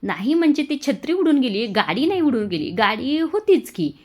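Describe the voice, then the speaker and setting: A woman's voice: sits high, very animated, moderate pace, a little mellow, voice pushed up. A woman voicing a flustered young husband who fumbles his replies.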